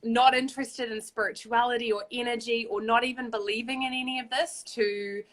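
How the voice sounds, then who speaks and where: A woman with a New Zealand accent, pitched fairly high and speaking a little fast in a steady tone, chats casually as a guest on a video call. She's a spiritual guide lounging in a hammock outdoors, upbeat and chatty, and she says "like" a lot.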